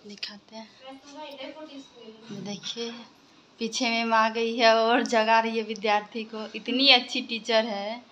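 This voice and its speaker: A woman's voice: on the high side, flat delivery, slow pace, pauses often, fairly bright tone, slight background noise. A woman, chatting casually in a home vlog, speaking into a phone held at arm's length. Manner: chatty, talks to her children between remarks. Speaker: vlogger. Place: home kitchen and bedrooms, indoors.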